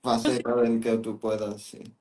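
A man with a mellow, dark voice, a vodou priest, cuts in with short prompting questions. His tone stays relaxed and conversational. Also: lowish voice, normal speed. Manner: brief interjecting questions.

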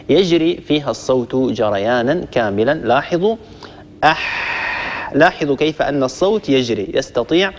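A man teaching a Quran recitation lesson, explaining in a measured way and stopping to demonstrate letter sounds. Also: mid-range voice. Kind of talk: tajweed lesson to listeners. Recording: long reverb, hall-like echo.

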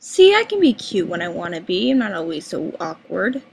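A woman's voice: on the low side, sing-song, normal speed, vocal fry, darkish tone, a little hiss or hum. A young woman vlogger chatting casually and bubbly, with lots of filler words. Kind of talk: casual chat.

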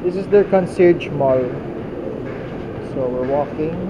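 A man's voice: a little high, heavy background noise. Man vlogging while walking through a mall. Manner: rambling, slightly halting narration while walking. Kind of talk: casual walking vlog. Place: large indoor shopping mall, nearly empty. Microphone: action camera held at arm's length. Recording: muffled camera audio with loud mall ambience.

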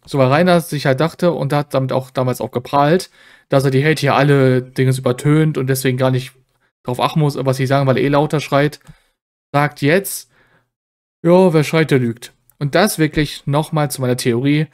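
A man's voice: medium pitch, fairly even intonation, moderate pace. A man streaming commentary on clips in a casual, sarcastic, rambling way.

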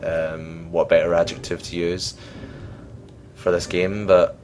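A young man talks through a game he is playing, chatty and meandering, often laughing at his own mistakes. His voice sits low, and his relaxed home-recorded commentary carries a faint hiss underneath. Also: slow pace. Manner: chatty, rambling, self-mocking. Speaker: let's play gamer. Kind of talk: casual gameplay commentary.

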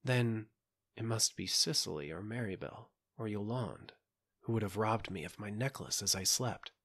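A man's voice: lowish voice, expressive, moderate pace, fairly bright tone, husky, exaggerated voice. A man voicing a vain, cruel young princess in an audiobook fairy tale, speaking haughtily. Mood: haughty. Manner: haughty, scornful.

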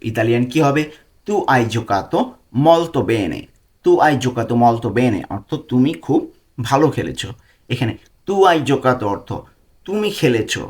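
A man from Bangladesh teaching a language lesson, explaining slowly and spelling out foreign phrases word by word. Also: mid-range voice.

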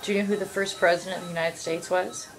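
Reassuring mother with a lowish voice. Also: flat delivery, fast, rough recording. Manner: gentle, reassuring, uses endearments. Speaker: mother looking after her son. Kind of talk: casual chat. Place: small dental clinic room.

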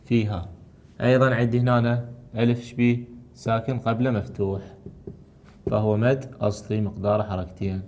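Man teaching slowly, repeating words. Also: on the low side, flat delivery, darkish tone. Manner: slow, drawn-out repetition of key words; rises to read Quranic verses. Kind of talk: recorded lesson explaining exercises.

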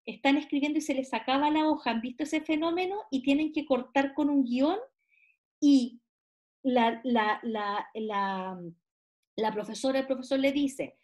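Woman teacher, slow explaining. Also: high-pitched, a little mellow. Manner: explains slowly, stretches example words, asks rhetorical checks. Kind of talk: classroom lecture.

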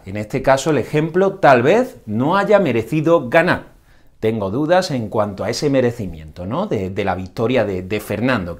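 A man teaching a grammar lesson, explaining each sentence type step by step. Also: medium pitch. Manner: explains step by step with varied intonation. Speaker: language teacher.

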